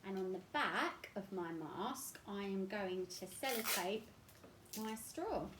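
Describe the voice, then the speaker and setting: A woman leading a craft session and storytime for toddlers, speaking in a gentle, sing-song way aimed at small children. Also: medium pitch, expressive, takes it slowly, reverberant, background noise. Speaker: children's activity leader.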